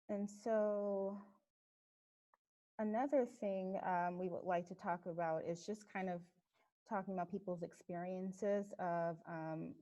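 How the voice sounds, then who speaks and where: A woman facilitating a discussion on a video call, measured and full of fillers. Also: lowish voice, mellow. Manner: measured, reading a definition with many fillers. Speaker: session facilitator.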